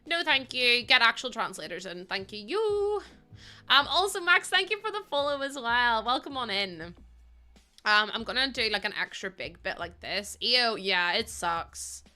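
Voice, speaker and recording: A woman is livestreaming and chatting casually with her viewers, laughing a lot and warmly greeting chat. Her voice is a little high and sing-song, her pace measured, with faint music playing behind her.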